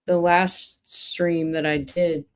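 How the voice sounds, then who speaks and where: A woman's voice: on the low side, little pitch movement, slow pace, clean tone. A woman hosting a live stream, chatting casually and rambling with lots of restarts and fillers. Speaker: stream host.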